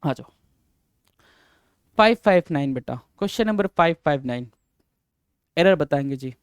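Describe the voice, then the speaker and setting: High-voiced teacher. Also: male voice, lively intonation, moderate pace, clean tone, dry recording, studio quality. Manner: mixes Hindi and English, calls students "beta" and "sir", repeats himself. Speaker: English teacher. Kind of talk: Hindi-English grammar lesson.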